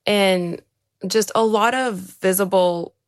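A young Ukrainian woman, appearing as an interview guest, earnestly recounts her life story in candid, conversational fashion, often restarting her sentences. Her mid-range voice moves at a slow pace, captured in clean studio sound with no echo.

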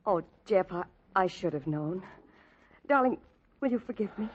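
An actress playing a young movie star sweetheart, dramatic and emotional, in an old-time radio melodrama. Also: female voice, medium pitch, expressive, normal speed, husky. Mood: tender, happy. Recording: dull, lo-fi old radio recording.

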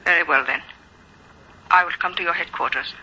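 High, piercing mysterious telephone informant. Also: male voice, sharp tone, breathy edge, full character voice. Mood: guarded, grave. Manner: formal, deliberate phrasing. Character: guarded, formal mysterious informant seeking protection. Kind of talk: 1940s radio drama acting. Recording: tinny, band-limited old radio phone voice.

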